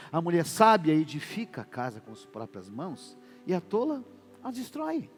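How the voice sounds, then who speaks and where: A man, preaching a sermon as pastor and acting out what husbands and wives say in lively voices. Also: high voice. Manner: animated preaching, acts out quoted wife and husband voices. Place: church. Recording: reverberant church hall with music behind.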